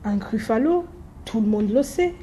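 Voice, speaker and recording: A woman doing a lively, clever little mouse. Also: a little high, normal speed, slight background noise, lightly acted. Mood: confident. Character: small, clever, bold female mouse. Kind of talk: storybook reading.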